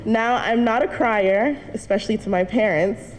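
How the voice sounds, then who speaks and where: Her voice sits on the high side and moves at a normal speed as this young woman, a student, gives an earnest testimony before a church congregation with occasional light laughter. The church hall setting gives long reverb, with faint noise underneath.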